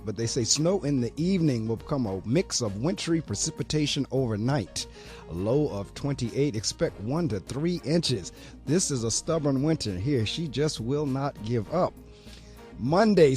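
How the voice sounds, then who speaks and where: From a small college radio studio, a man hosts a morning show and reads the weather in an upbeat, talkative way. His mid-range voice has a dark tone and is slightly froggy, recorded on a studio mic.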